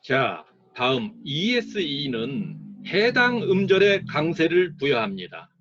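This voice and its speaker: A man giving a recorded lecture as an English teacher, explaining slowly and sounding out words to model their stress. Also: on the high side, huge pitch swings, a bit bright, lo-fi sound, faint music behind.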